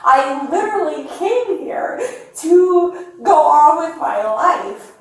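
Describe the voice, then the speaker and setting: A woman's voice: very high voice, very animated, takes it slowly, darkish tone. An argumentative, indignant woman who swears and makes demands while detained by police, caught on body cam audio. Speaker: person being detained by police. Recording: echoey, distant body cam with faint noise.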